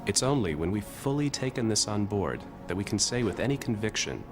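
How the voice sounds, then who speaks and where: A man reads a documentary voice-over in a very deep voice. His manner is reflective and earnest, and loud music plays beneath him. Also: lively intonation, a little fast. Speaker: documentary narrator.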